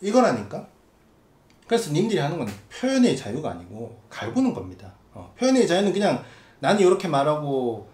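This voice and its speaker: A man's voice: fairly high pitch, a little mellow, reverberant. A man hosting a casual podcast, ranting with many fillers and acting out other people's voices. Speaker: podcast host.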